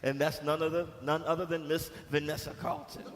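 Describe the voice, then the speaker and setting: A boastful, vain rich playboy, played by a man, who chuckles at his own bragging. His voice sits fairly high, and long hall reverb trails it across the stage. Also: level tone, brisk, noisy background, natural voice. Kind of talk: live stage play. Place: theatre stage.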